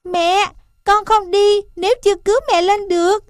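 A woman's voice: flat delivery, moderate pace, no room sound, clean studio sound. Woman voicing a pleading baby elephant. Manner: high pleading childlike cries. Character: frightened loving baby elephant, small and young.

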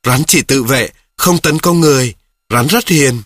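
A man voicing a calm, quiet schoolboy who answers patiently. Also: medium pitch, a little slow, no echo. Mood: calm, reasoning.

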